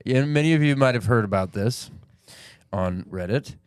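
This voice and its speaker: A man's voice: medium pitch, expressive, normal speed, clean tone, no room sound. A man co-hosting a comedy podcast, riffing goofily and laughing often. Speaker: podcast co-host. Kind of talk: casual comedy chat.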